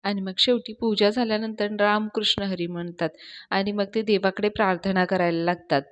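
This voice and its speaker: A woman's voice: mid-range voice, steady tone, normal speed. A woman reviewing a TV serial episode, retelling the scenes in a casual storytelling way and addressing her listeners directly.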